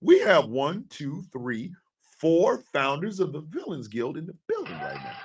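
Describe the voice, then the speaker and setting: A man in his fifties hosting a live stream, ranting with profanity and often breaking into shouts. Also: a little high, wildly swooping pitch, a little slow, husky, recorded from a distance. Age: 50s. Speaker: host.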